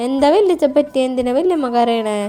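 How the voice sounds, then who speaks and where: A woman's voice: high-pitched, expressive, fairly quick, dark tone, soft background music. A woman voicing a playful teenage younger brother who talks in a teasing, chatty way.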